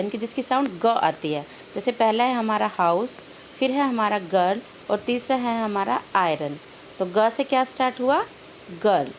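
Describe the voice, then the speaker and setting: Higher-voiced woman teaching a lesson. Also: a little hiss or hum. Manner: asks questions and answers them herself; mixes Hindi with English words. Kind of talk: explaining a textbook lesson.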